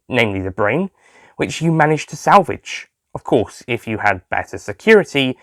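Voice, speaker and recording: A man's voice: medium pitch, fairly bright tone, dry recording, studio quality, natural voice. A man voicing a smug, scheming alien villain with a volatile temper, gloating theatrically in a sci-fi audio story.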